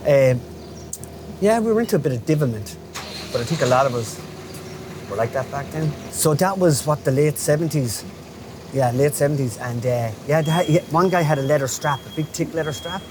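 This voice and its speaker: Brisk and lively in intonation, this slightly high male voice belongs to a window cleaner in his fifties from Galway in the west of Ireland. Being interviewed against noisy street traffic, he reminisces casually and colloquially, tossing in "you know" again and again.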